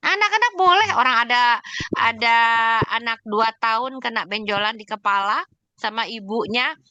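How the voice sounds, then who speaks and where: Bright-voiced woman doctor answering questions. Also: on the high side, normal speed, no echo, highs cut off. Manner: explanatory, emphatic, lists examples. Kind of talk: online Q&A session.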